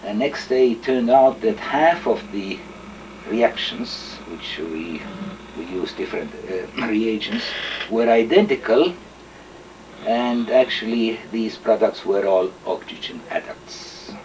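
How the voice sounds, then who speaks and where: Older Estonian man, slow halting recollection. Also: lowish voice, darkish tone, far from the mic, slight background noise, rough recording. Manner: measured, hesitant, many fillers and throat clearing. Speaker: interviewee, chemist. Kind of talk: oral history interview.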